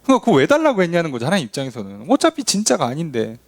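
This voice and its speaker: A male pastor teaches a midweek Bible study, talking to his listeners conversationally and peppering them with rhetorical questions. His voice sits a little high and swings widely in pitch as he acts out the quoted voices in his stories. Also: huge pitch swings, rapid-fire.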